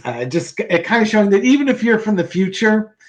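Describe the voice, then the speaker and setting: Wry joking man, slightly high voice. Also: big pitch swings, a little fast. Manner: wry, joking, adds banter. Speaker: tarot reader and co-host. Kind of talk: casual chat.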